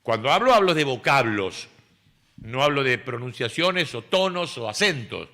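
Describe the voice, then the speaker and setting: An Argentine radio host and speech teacher in his sixties explains word usage didactically during a casual radio chat, in Argentine Spanish. His medium-pitched voice swings widely in pitch at normal speed, with vocal fry and a pushed, bright quality.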